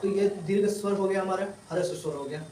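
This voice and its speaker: A male tutor explaining a grammar lesson to students, slowly repeating definitions and sounding out letters one by one. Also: high voice, mellow. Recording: roomy, distant mic, faint ambient noise.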